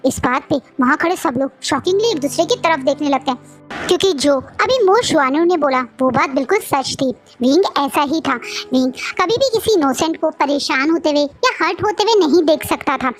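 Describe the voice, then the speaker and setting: A woman's voice: high-pitched, animated, moderate pace, faint music behind. A woman casually retelling a fan fiction story, often restarting and correcting herself. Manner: frequent restarts and self-corrections.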